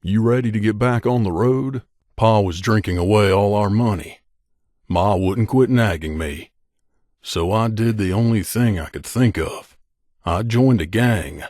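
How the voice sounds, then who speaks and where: Close, dry, and free of room sound, this recording captures a male actor's fairly low, darkish voice as a guarded wasteland mercenary opening up to his companion in a video game. His pace is measured and earnest, carrying the weight of guilt, and the mood is guilty and confessional.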